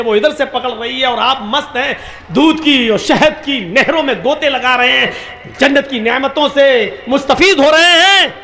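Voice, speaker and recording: A man voicing a disappointed disciple who complains to his pir in a lower, grumbling voice. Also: bright, forceful tone, echoey room, full character voice. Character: dismayed male disciple of a pir.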